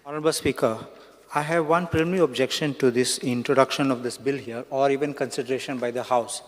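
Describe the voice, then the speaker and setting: A man, a legislator and advocate, raising measured, insistent legal objections in a debate. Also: medium pitch, steady tone. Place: legislative assembly hall. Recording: long hall reverb.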